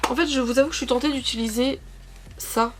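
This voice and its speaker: A young woman in her twenties with a slightly high voice talks through her makeup in a relaxed, chatty way. She rambles, corrects herself mid-sentence and leans on fillers, speaking into a camera mic at home. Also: fast, background noise. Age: 20s. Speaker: beauty vlogger. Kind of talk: casual makeup chat. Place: sitting on her couch at home.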